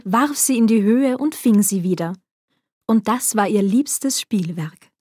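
A woman reading a fairy tale aloud in calm, measured phrases. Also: on the high side, dry recording, clean studio sound. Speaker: narrator.

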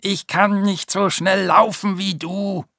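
A woman's voice: medium pitch, fairly even intonation, gravelly, fairly bright tone, no echo, studio quality, full character voice. A woman voicing a small male frog in a fairy tale reading, drawing out her words in a pleading tone. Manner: drawn-out, pleading speech. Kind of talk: storybook reading.

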